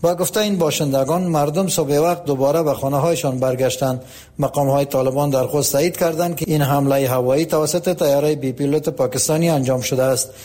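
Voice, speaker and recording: A male radio reporter with a fairly high yet mellow, warm voice. He narrates a scripted news report in an even, formal tone.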